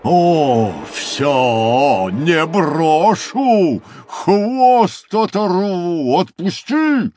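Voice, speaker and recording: A man voicing a pompous, timid old rhinoceros with a slow, drawling, theatrical delivery. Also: fairly high pitch, wildly swooping pitch, husky, dry recording, pitched above the performer's own voice, exaggerated voice. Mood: blustering.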